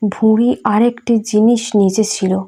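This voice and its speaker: A woman's voice: fairly high pitch, steady tone, a little slow, mellow. A woman voicing an earnest, questioning young male disciple in a storybook reading.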